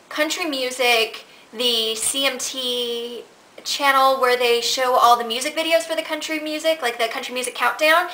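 Telling stories for a casual Q&A vlog, a woman in her twenties from Nebraska speaks with a fairly high pitch to a camera set at desk distance in her living room. Her delivery is chatty and animated, with plenty of hand gestures, and the recording is low quality.

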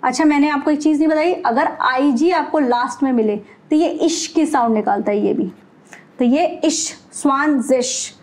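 A woman's voice: high-pitched, moderate pace, darkish tone. A woman teaching a language lesson, asking questions and then answering them herself as she explains step by step. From India.

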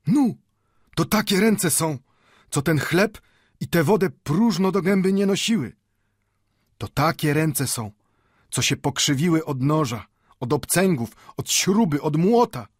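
Brief: an old bookbinder with a Yiddish accent, high and lively, proud and fervent, in a storybook reading. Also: male voice, a little slow, breathy edge, dry recording, clean studio sound. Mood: impassioned. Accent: Yiddish-inflected Polish. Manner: pleading, rhetorical questions, rising to fervor. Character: old male bookbinder, impassioned, wry, proud.

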